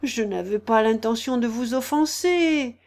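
A woman's voice: high voice, expressive, measured pace, a little mellow, voice pushed up. A woman voicing Alice, a curious, polite young girl who talks earnestly and a little apologetically. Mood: apologetic. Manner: eager, earnest, slightly apologetic.

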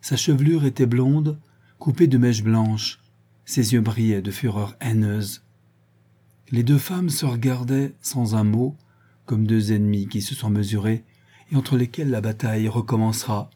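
A man narrating a novel in a measured literary reading. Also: mid-range voice, dark tone, slightly rough. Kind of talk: audiobook narration.

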